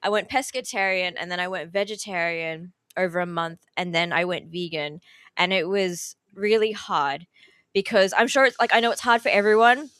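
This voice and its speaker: Recorded dry at studio quality, this Australian woman speaks at a moderate pace in a fairly low, slightly bright, clean voice. She's a tearful podcast guest chatting casually indoors at a relative's house, filling her talk with fillers and laughter amid the emotion.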